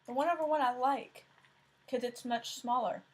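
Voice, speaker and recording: Fairly high-pitched and steady, a little mellow with a breathy edge, her voice moves at normal speed. She's a Tennessee woman with a thick Southern accent hosting a crafting vlog, rambling casually about cross-stitch with lots of fillers and self-corrections.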